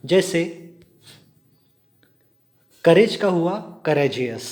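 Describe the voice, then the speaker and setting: A male polytechnic English lecturer with an Indian accent. He reads spelling rules out slowly in English and then explains them quickly in Hindi. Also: on the high side, lively intonation, a little mellow. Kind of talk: recorded classroom lecture.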